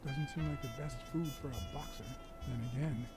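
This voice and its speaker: An actor playing a world-weary, wry noir detective in a video game, musing in a dry deadpan. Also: male voice, mid-range voice, fairly quick, natural voice. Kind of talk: video game voice acting, inner monologue. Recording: game audio under loud music. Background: music.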